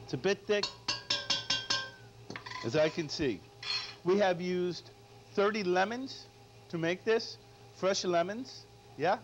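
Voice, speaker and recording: In a studio kitchen, a middle-aged man with a high voice demonstrates cooking unscripted, speaking slowly with long pauses and often checking in with "all right?". Music is heard in the background, and the lapel-mic audio is dull and lo-fi with background noise.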